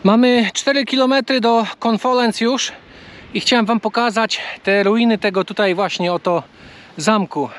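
A travel vlogger records a casual vlog on an outdoor bike trail, his high, fairly bright voice moving at a moderate pace. He talks in a chatty, easygoing way, at one point coaxing a bird.

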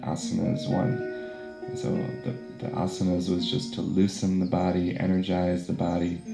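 A man leading a yoga and meditation session, giving calm, unhurried instructions and chanting mantra syllables. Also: low-pitched, vocal fry, echoey room, over loud music.

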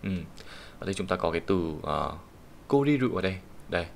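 A man with a low voice and a Vietnamese accent gives an online kanji lesson. He patiently walks through each reading and slows right down to read the Japanese example sentences. A faint hiss and some keyboard typing sit behind him. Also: big pitch swings, creaky. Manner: patient, explanatory, reads Japanese sentences slowly.

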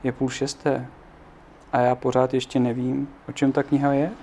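A man's voice: mid-range voice, level tone, mellow, a little hiss or hum, lightly acted. A man reading a dreamy young boy. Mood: earnest.

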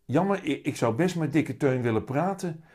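A man doing a high, excited little boy. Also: normal speed, natural voice. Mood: curious. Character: young boy, shy and eager. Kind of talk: reading a children's book aloud.

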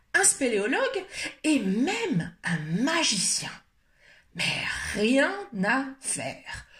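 A woman storyteller at a library, reading a picture book aloud with expressive, lively delivery. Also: fairly high pitch, echoey room.

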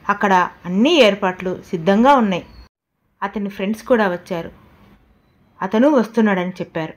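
A woman narrating a sad first-person story as an audiobook reader, slow and heartfelt. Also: mid-range voice.

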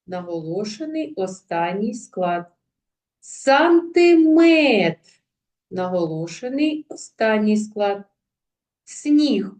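A woman's voice: medium pitch, mellow. A woman teacher giving a video lesson to young pupils. She speaks carefully and sounds out words syllable by syllable. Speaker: primary school teacher.

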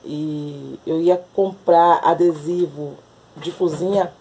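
A woman's voice: low-pitched, takes it slowly, slight background noise. Brief: young Brazilian woman vlogger, casual chatty home talk, phone mic. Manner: chatty, animated, coos and baby-talks to her cat. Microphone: phone camera.

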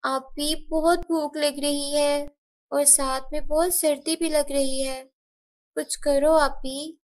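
A woman's voice: high-pitched, little pitch movement, slow, pitched above the performer's own voice. A woman voicing a small, tearful little sister in a cartoon story, pleading and crying.

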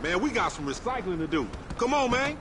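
A man's voice: high-pitched, very animated, fairly quick, background noise. An actor playing a brash young male gangster in a video game, talking in boastful, slangy banter. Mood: scheming.

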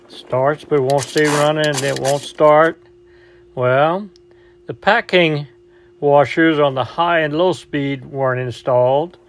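Speaking in a slightly high voice over a low-quality recording, a man fixes vintage outboard motors and narrates the job in a casual repair vlog. He's folksy and matter-of-fact, refers to the motor as "her," and films in his workshop and outdoors by the water.

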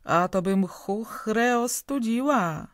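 A woman voicing a blunt, grumbling working-class caretaker in an audiobook, with coarse, loud folk speech. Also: lowish voice, animated, unhurried, dry recording, studio quality. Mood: indignant.

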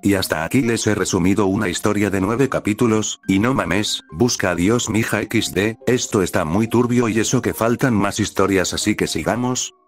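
A man's voice: fairly low pitch, normal speed, hardly any pauses, faint music behind. A man with a Mexican accent summarizing fan fiction, sarcastic and exasperated. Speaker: host. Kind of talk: reaction commentary on fan fiction.

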